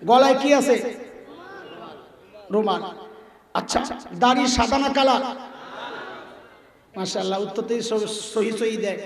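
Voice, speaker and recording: High-voiced preacher, echoey hall. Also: male voice, a little slow, pauses often, distant mic. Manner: call-and-response, quizzing the audience; acts out voices in quotes. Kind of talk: Islamic sermon to a crowd.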